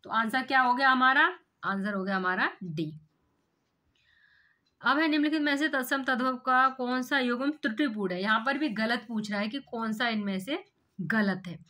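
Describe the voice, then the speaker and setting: A woman's voice: fairly high pitch, moderate pace, bright, forceful tone. A woman teacher going through an exam paper question by question, explaining each answer step by step and asking rhetorical questions. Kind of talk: exam paper walkthrough lesson.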